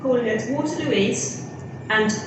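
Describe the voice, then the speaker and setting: Echoing woman's train station announcement over loudspeakers. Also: on the high side. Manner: measured, segmented delivery of scripted phrases. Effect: public address loudspeaker. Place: railway station platform. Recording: echoey station PA with clear background noise.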